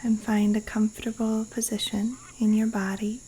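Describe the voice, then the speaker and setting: Recorded outdoors in the Costa Rican jungle, this low-quality clip features a woman leading a yoga nidra guided meditation. Her medium-pitched voice is hushed and breathy, soothing but flat, with long gaps between phrases. Faint insects, crickets and other rainforest wildlife can be heard.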